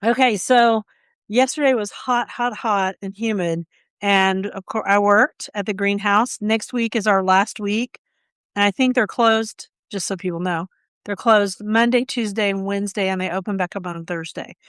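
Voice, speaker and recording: A woman from Oklahoma co-hosting a gardening podcast, chatting casually and telling quick stories with asides. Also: mid-range voice, steady tone, fairly bright tone, smooth, no echo. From Oklahoma, USA. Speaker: podcast co-host. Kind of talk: casual chat.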